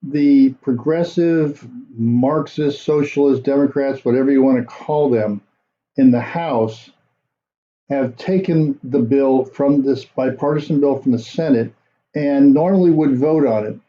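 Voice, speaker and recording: A man hosting a political commentary show, talking in a measured, conversational way with frequent fillers. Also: mid-range voice, dark tone, highs cut off. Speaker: commentary host.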